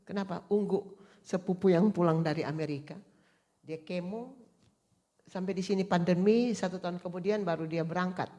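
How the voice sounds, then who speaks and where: A woman giving a sermon testimony at a women's church service, telling a story that moves from hushed tones to loud, emotional highs. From Indonesia.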